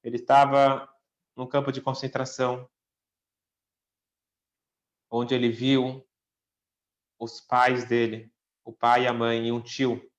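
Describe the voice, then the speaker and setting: In an echoey room, a rabbi with a medium-pitched, slightly bright voice tells a story during a talk, lifting his voice to act out the quoted lines. The audio sounds dull.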